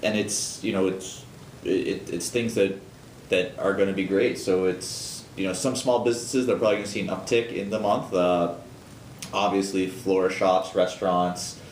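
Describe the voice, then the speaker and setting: Low-voiced guy cohosting a biz news show, lots of ums and restarts, echoey room w faint rumble. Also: fairly even intonation. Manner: halting, many fillers and restarts. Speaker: co-host. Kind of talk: casual news chat.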